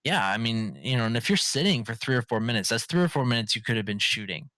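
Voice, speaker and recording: A man's voice: medium pitch, animated, fast, bright, forceful tone, dry recording. A man hosting a casual gaming podcast, rambling with many fillers and restarts. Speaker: podcast host.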